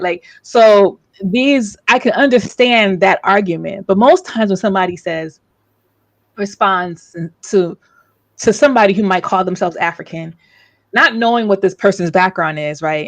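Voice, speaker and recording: A woman's voice: mid-range voice, moderate pace, no room sound. A woman hosting a livestream discussion, talking casually with many fillers and restarts.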